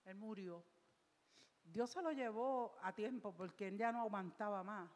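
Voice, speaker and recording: A woman's voice: mid-range voice, a little slow, darkish tone, big-room sound. A woman pastor preaching a sermon in church, emphatic and repetitive, with rhetorical questions.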